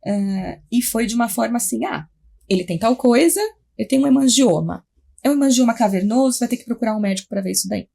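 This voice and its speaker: A woman's voice: on the high side, fast, creaky, mellow, husky. A woman on a podcast, a mother who works as a speech therapist, talking in a conversational, reflective way. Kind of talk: podcast interview.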